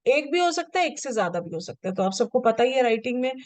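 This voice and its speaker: A woman's voice: on the high side, very animated, fast talker, darkish tone, dry recording. A woman teaches in a patient, step-by-step way, stopping often to check that her listeners follow. Her delivery is plain classroom explanation. The recording is dry and close, with no room sound. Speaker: special education teacher. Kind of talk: explaining an assessment form to students.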